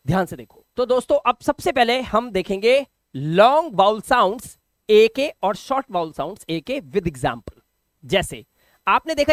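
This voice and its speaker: A man's voice: high-pitched, dry recording, clean studio sound. A man teaching English pronunciation in a patient classroom style, often asking a question and answering it himself.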